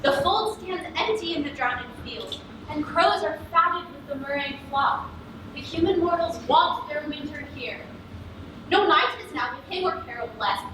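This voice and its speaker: A woman's voice: sits high, animated, a little slow. A woman playing a proud, angry fairy queen in hammy, theatrical Shakespearean stage style. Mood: indignant. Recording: distant echoey stage capture with faint noise.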